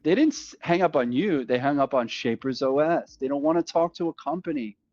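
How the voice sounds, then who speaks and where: A man's voice: a little high, a little fast, darkish tone, no echo, lo-fi sound, faint music behind. A man in a casual podcast chat, talking with energy, repeating himself and acting out sales calls. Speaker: guest.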